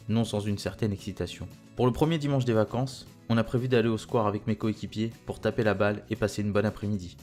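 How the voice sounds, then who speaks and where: A young man calmly narrating a first-person story in a steady, scripted way. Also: on the low side. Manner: calm, even storytelling in present tense. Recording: faint guitar music behind. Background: faint guitar music.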